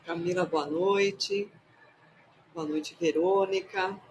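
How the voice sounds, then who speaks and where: Woman, live-stream host, playful and chatty, slow easy pace, faint background hum. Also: lowish voice, fairly even intonation, darkish tone, rough recording. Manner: playful, chatty, greets viewers one by one. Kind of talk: casual live-stream chat.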